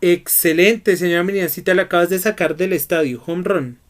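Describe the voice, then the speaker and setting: A man's voice: high voice, brisk. A man teaching a Bible study lesson who keeps asking his students questions and prompting their answers.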